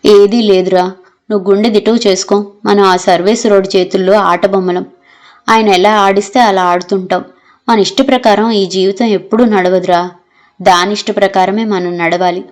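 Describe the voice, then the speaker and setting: An elderly man, shaken himself, gently tries to console a grieving friend in a storybook reading. A woman narrator voices him in close to her own medium-pitched voice. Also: steady tone, moderate pace, lightly acted. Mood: consoling.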